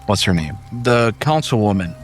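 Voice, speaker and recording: A man's voice: lowish voice, big pitch swings, normal speed, faint music behind. A man, the game master and host, chatting casually and in a rambling, self-deprecating way. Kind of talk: casual debrief chat.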